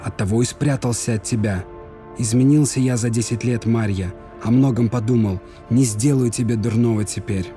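A man reading a fairy tale aloud, voicing an immortal sorcerer king who speaks softly, coaxing and remorseful. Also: mid-range voice, moderate pace, faint music behind, voice pushed up, close to an everyday voice. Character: deathless sorcerer king, sorrowful and possessive.

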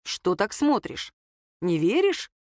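A woman's voice: medium pitch, very animated, slow pace, darkish tone, dry recording, clean studio sound. A woman voicing an irritable young man who complains in an exasperated way. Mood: mocking.

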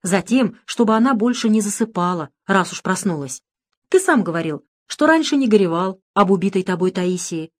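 A woman voicing a kindly, wise elderly male priest in an audiobook, gentle but firm and folksy. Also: medium pitch, animated, normal speed, natural voice. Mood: earnest.

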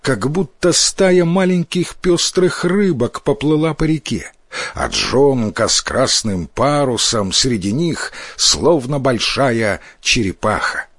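A man narrating a fairy tale in an expressive storybook reading style. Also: medium pitch, slow pace, no room sound, studio quality. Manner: expressive, voices the characters.

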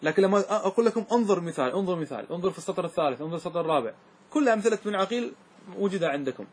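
Husky man teaching a grammar class. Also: high-pitched, lively intonation, rapid-fire. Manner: asks students questions and repeats answers.

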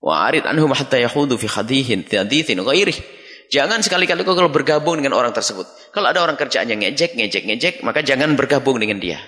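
A man preaching a sermon, reading Arabic phrases and explaining them in an animated, admonishing way. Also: medium pitch, quick pace. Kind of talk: sermon teaching from a classical text. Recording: radio recording with long reverb.

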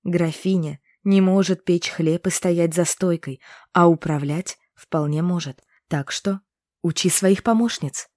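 A woman voicing a calm young male inquisitor who explains things patiently and teases gently. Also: on the low side, a little slow, no echo, studio quality. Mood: amused.

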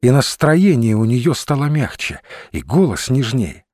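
A man reading a novel aloud in measured audiobook narration. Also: medium pitch, big pitch swings, a little mellow, no room sound, clean studio sound. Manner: measured storytelling. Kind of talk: scripted narration.

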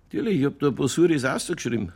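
Holding forth in colloquial dialect, an actor plays a stubborn, provocative Bavarian police detective for a German radio crime drama. His husky, gravelly voice runs a little high and darkish, expressive and rapid-fire, and he sounds opinionated.

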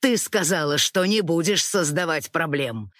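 A narrator playing a ruthless, furious husband who shouts at his wife in harsh outbursts. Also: medium pitch, very animated, takes it slowly, dry recording, studio quality, exaggerated voice. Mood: furious yelling. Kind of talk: audiobook character voice.

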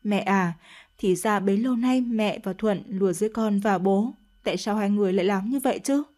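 A woman's voice: mid-range voice, a little fast, mellow, lightly acted. A woman voicing a young daughter who accuses her mother through tears in a read-aloud story. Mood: tearful. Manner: tearful, accusing. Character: young daughter, sobbing and betrayed.

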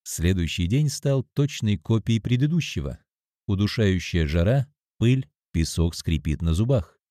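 A man giving an expressive first-person audiobook narration. His voice is mellow and warm, and his pitch moves a lot. The recording is dry and close. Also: a little slow, no room sound. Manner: expressive, storytelling.

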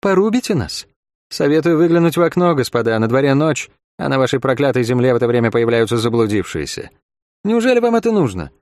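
A man's voice: mid-range voice, very animated, darkish tone, no echo, pitched above the performer's own voice. A man voicing a cold mocking foreign woman. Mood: cold mockery. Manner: cool, sardonic, unhurried.

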